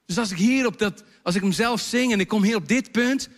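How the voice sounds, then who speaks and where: A man's voice: high voice, a little fast. A man preaching a sermon about a worship song he wrote, talking animatedly and singing lines from it. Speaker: pastor and songwriter. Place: church hall. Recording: long church reverb.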